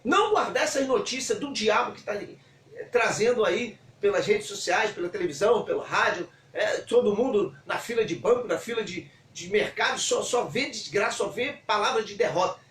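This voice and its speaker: A man preaching a sermon as a bishop, fervent and swinging from hushed to shouting. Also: high-pitched, animated, moderate pace, slight background noise. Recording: echoey room, voice from far off.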